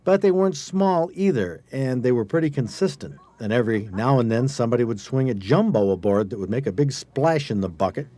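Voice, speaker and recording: An American man with a mellow, relaxed voice at a middling pitch narrates an outdoor fishing feature. He sounds like a folksy reporter, reading his script as if chatting with viewers. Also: brisk, hardly any pauses, slight background noise. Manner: folksy, conversational.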